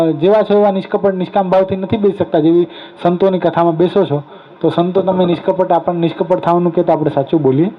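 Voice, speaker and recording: A man giving a sermon to an assembly, telling stories with quoted dialogue and questioning his listeners directly. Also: high voice. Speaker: religious discourse speaker. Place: assembly hall. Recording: dull lo-fi sound.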